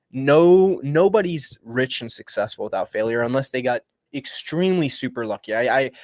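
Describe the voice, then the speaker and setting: A young man hosting a livestream, talking casually and upbeat, rambling and restarting his sentences, at times dropping low and at times getting loud. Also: no echo, studio quality. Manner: rambling, upbeat, restarts often and shifts between hushed and loud. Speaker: livestream host. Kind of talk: casual motivational livestream talk.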